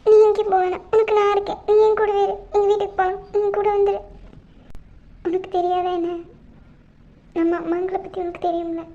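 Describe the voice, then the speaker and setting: A woman's voice: very high-pitched, level tone, fairly quick, long pauses, dark tone. A woman voicing a loyal young woman who earnestly comforts her friend, in a hobby drama. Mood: comforting. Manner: soothing, earnest. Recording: muffled lo-fi recording.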